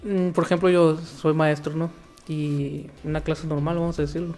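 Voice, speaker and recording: A man's voice: a little high, flat delivery, normal speed, darkish tone, faint music behind. A man hosting a podcast, friendly and chatty, telling personal stories in casual talk. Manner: friendly, chatty, says "men" and "fíjate". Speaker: podcast host.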